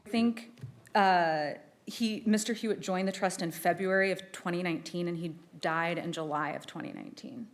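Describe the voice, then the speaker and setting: A woman with a low voice makes a formal oral argument before appeals judges. She speaks in a measured way and restarts a phrase now and then when she answers questions. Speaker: assistant attorney general arguing an appeal. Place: courtroom.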